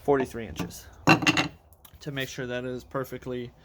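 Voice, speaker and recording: A man's voice: mid-range voice, flat delivery, moderate pace, heavy background noise. A man giving a casual, rambling walkthrough of his car audio build, out of breath and correcting himself as he goes. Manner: rambling, self-correcting, many fillers. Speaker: car audio hobbyist vlogger. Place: garage, in a car.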